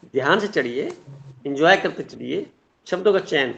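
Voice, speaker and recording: A man's voice: on the high side, lively intonation, normal speed, gravelly, a bit bright. A middle-aged man teaching a spiritual class, explaining earnestly with everyday examples and sayings. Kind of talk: online class talk. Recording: dull lo-fi sound.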